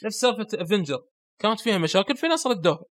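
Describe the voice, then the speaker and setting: A man co-hosting a casual gaming podcast, animated and explaining with quick examples. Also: sits high, dry recording. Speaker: podcast co-host.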